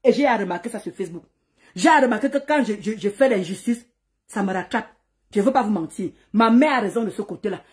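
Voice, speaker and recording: A woman's voice: medium pitch, lively intonation, a little fast. A woman on a live stream, ranting and taunting someone with insults, repeating words as she goes. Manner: insulting, taunting, swings to laughing greetings. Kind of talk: heated live-stream rant.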